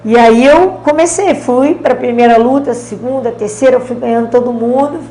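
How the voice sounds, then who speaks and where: Brazilian woman telling lively anecdotes. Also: on the high side, normal speed, reverberant, slight background noise. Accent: Brazilian Portuguese. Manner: lively anecdotes, acting out quoted dialogue, slangy. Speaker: karate champion interviewee. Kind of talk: storytelling in a casual interview.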